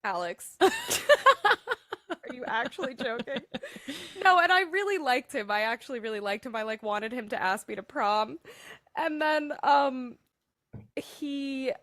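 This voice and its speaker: A bubbly woman co-host chats and tells a self-deprecating story, laughing often as she goes. Her voice sits a little higher than most women's, and the sound is close and dry. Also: unhurried, long pauses, fairly bright tone, no echo. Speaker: podcast co-host. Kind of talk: casual chat and personal storytelling.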